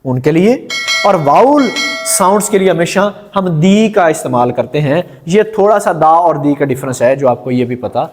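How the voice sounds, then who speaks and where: A man's voice: a little high, expressive, normal speed. A male teacher giving a grammar lecture in a classroom, quizzing the students and repeating their answers.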